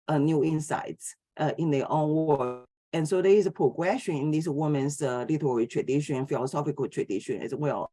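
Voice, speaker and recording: A middle-aged woman from Taiwan speaks in a low, mellow voice while giving an academic lecture on philosophy. She's tentative, with lots of pauses and fillers.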